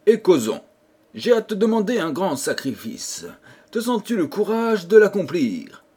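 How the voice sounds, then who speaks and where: A man reading a storybook aloud, voicing a gentle, kindly female fairy queen who speaks softly and tenderly. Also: sits high, big pitch swings, measured pace, breathy edge, voice pushed up, full character voice. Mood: tender, coaxing. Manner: soft, tender, coaxing.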